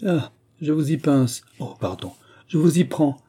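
A teasing young princess with a lively, raised voice, as a man reads her. Her tone comes through dark and husky, with a quick, mischievous bite. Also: on the high side, pitched above the performer's own voice, exaggerated voice. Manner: quick-witted, mischievous, playful.

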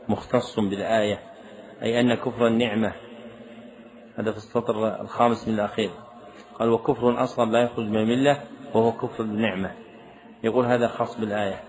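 A lecturing sheikh reads out written questions from students and answers each one quickly and firmly. His voice is low and flat, and he talks fast. The lesson recording sounds dull and lo-fi. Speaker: sheikh teaching a religious text.

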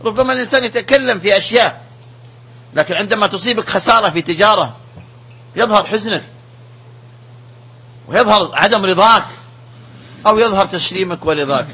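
Male sheikh, emphatic religious lesson, bright tense voice. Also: high-pitched, fairly quick, pauses often, slightly rough. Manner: emphatic, animated preaching.

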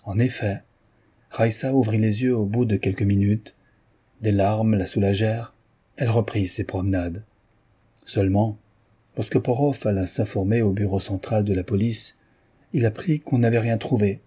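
Low, husky male audiobook narrator. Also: fairly even intonation, moderate pace, mellow. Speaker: audiobook reader. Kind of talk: scripted narration of a novel.

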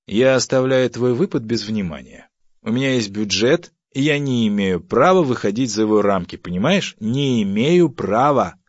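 A man voicing a stingy, pompous middle-aged husband who lectures about thrift and turns shrill when provoked. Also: lively intonation, moderate pace, no echo, natural voice. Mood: pompous scolding. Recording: dull, dry audiobook recording.

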